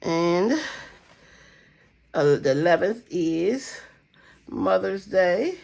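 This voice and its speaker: She draws out her words in an animated, creaky voice that's on the low side and a little mellow. The woman, a budgeting vlogger with a stuffy nose, chats casually to camera, rambling with fillers and calling viewers guys and y'all.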